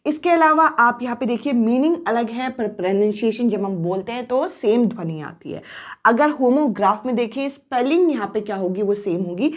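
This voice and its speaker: Young woman teacher, brisk exam-prep explainer, fairly high voice, repeats key points. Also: animated. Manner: repetitive, frequent "to dekhiye" prompts.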